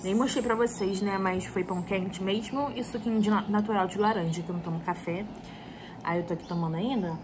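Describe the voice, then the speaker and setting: A woman's voice: mid-range voice, steady tone, brisk. Young Brazilian woman vlogging with a retainer in. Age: 20s. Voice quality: slightly lisping speech from wearing a removable retainer. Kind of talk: casual vlog chat to viewers. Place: small bedroom and tiled kitchen indoors. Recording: clear background room noise.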